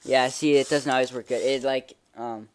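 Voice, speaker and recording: Halting, casual toy reviewer over clicking noise. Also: medium pitch, steady tone. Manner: halting, informal, trailing off. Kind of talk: casual hands-on demonstration. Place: carpeted living room at home. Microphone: handheld camera held by the speaker. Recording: noisy home video with mechanical clicking. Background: robot toy motor whirring and clicks.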